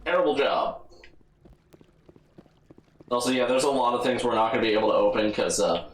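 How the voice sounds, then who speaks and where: A man's voice: mid-range voice, a little fast, roomy sound, a little hiss or hum, low-quality recording. A man giving casual, rambling gameplay commentary with a wry humor, often correcting himself. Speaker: let's play host.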